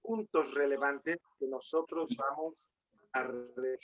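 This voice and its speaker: Male moderator, unhurried, filler-heavy, jokes with the audience. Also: mid-range voice, fairly bright tone, slight background noise, rough recording. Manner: slow, drawn-out, filler-heavy, joking asides. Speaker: forum moderator. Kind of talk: moderating an online legal forum.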